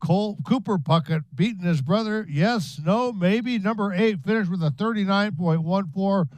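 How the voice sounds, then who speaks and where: Guy doing color commentary at a ski race, kinda high voice, goofy banter, dry mic. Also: moderate pace, a little mellow, no echo, low-quality recording. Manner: playful, joking banter. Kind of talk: live sports commentary.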